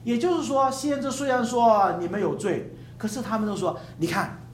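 A preacher in full sermon mode, emphatic and animated, with a voice that rises and falls over a wide range. The talk is full of rhetorical questions, and English terms surface now and then. A faint hum of room ambience sits underneath. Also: mid-range voice, a little fast.

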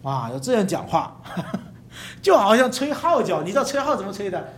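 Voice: medium pitch, very animated, moderate pace. A preacher giving an emphatic sermon, often asking the listeners rhetorical questions and dropping English terms into the talk.

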